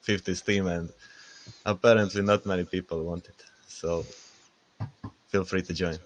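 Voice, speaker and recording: A man's voice: sits low, fairly even intonation, a little slow, poor audio. A man speaking on a group voice chat, hesitant, with many fillers and small laughs. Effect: group voice chat audio. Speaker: participant presenting a post. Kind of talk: casual voice-chat talk.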